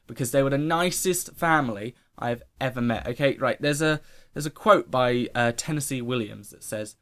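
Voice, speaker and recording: A young-sounding man rattles through a personal story in a casual vlog, animated and excitable. His voice is bright and forceful, with plenty of emphatic exclamations. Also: mid-range voice. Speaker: vlogger telling a personal story.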